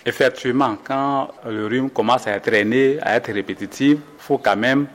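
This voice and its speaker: A male doctor patiently explains symptoms in an interview, speaking in a measured, explanatory way while often restarting and correcting himself. His voice is medium-pitched, with a big-room sound.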